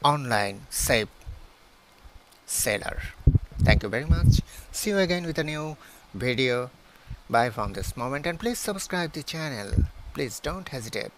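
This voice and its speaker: Man pitching a product, slow delivery with lots of pauses, lively pitch. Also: noisy background. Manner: halting, many hesitations, reads list items one by one. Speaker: pharmacist and channel host. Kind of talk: product promotion, reading out specs. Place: outdoors beside plants. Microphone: phone held at arm's length.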